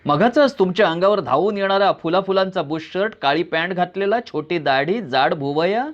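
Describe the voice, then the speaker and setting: A man's voice: sits high, normal speed. Man reading a suspenseful thriller story. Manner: suspenseful second-person narration. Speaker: reader. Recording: dull lo-fi recording.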